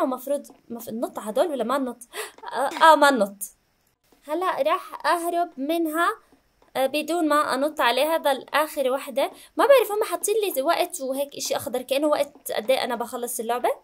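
A young woman chats her way through a game with a high, quick voice. She reacts with loud squeals and screams. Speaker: gaming YouTuber. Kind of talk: let's play commentary.

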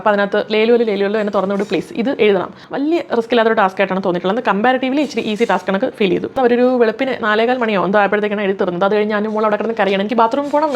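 Female reviewer, opinionated casual commentary, very quick delivery, lo-fi recording. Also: a little high. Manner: chatty, opinionated, frequent tag questions. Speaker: reality show reviewer. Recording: slightly dull lo-fi sound.

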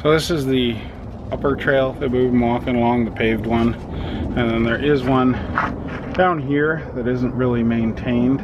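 The recording is muffled as a middle-aged vlogger strolls a desert trail with his dogs, casually addressing a handheld camera held at arm's length. His mid-range voice is unhurried with fairly even intonation, set against outdoor ambience and faraway traffic.

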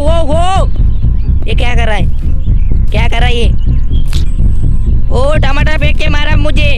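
A man voicing a timid, easily frightened young man with a shaky voice, as gaming commentary in character. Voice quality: high, shaky voice. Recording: noisy background.

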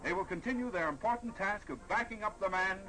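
A man's voice: sits high, fast talker, poor audio. A man giving formal, declamatory narration for a wartime newsreel, heard as an old newsreel soundtrack. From Canada. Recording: old newsreel audio with music underneath. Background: music.

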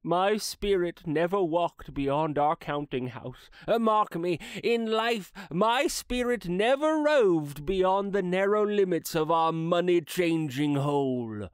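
A grave, sorrowful old spirit, played by a man, delivers each line slowly, as if every word weighs on him. The voice sits slightly high and rings smooth and clear. It is recorded close and dry. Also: animated, no room sound. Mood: mournful. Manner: slow, grave, mournful pronouncements. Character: ghost of a dead old businessman, solemn and regretful. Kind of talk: dramatized classic story reading.

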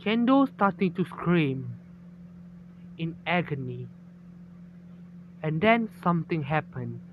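A man telling a fan story slowly and haltingly, restarting his sentences often. His voice sits high for a man and comes over a tinny, phone-like line with a faint hum. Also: very animated.

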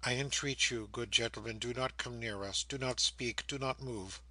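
A tender young daughter voiced by a male narrator pleads solemnly in a forward, slightly husky voice. She is gentle and devoted, repeating her entreaties like a heroine in a classic novel read aloud. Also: mid-range voice, normal speed, no echo. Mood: quiet entreaty. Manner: imploring, repetitive, solemn.

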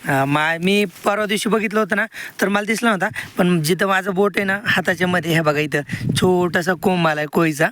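A farmer vlogger with a high-pitched, brisk voice chats casually as he films his farm on a handheld phone, calling out to his animals. He's outdoors in a field, and the background noise is loud.

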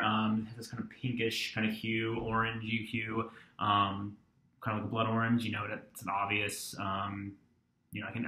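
Sitting at a desk in a small indoor room that looks like a dorm, a man in his twenties talks into a webcam, giving a casual, rambling beer review full of ums and restarts. His voice is fairly low and sharp, with a reverberant sound.

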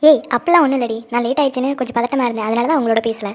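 A woman voicing a lovestruck, anxious young woman in a cartoon who hides her feelings and talks in a quick, chatty, defensive way. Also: on the high side, natural voice. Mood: lively. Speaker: cartoon character. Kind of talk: cartoon voice acting.

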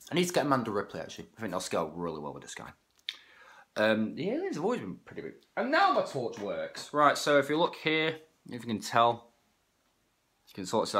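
A man's voice: medium pitch, a bit bright. Sniffly man reviewing a toy. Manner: rambling, self-correcting, stumbles over words. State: has a cold, sniffling.

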